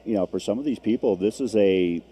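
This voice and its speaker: A man's voice: on the low side, fairly quick, dark tone, husky. A man hosting a live stream of an endurance race, giving conversational commentary. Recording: faint background noise from gym. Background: gym with runners gathering.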